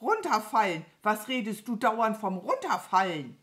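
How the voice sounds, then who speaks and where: A woman's voice: mid-range voice, sing-song, unhurried, a bit bright, pitched above the performer's own voice. A woman voicing a greedy, dramatic female crow who whines and complains theatrically. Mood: cheeky.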